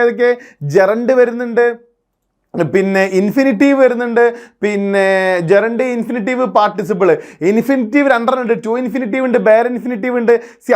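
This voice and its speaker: A man with a strikingly high voice teaches grammar for an entrance exam. He keeps asking his listeners questions and answers them himself, switching between Malayalam and words. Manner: quizzing listeners with rhetorical questions; mixing Malayalam with English terms. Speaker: English teacher. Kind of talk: exam-prep lecture.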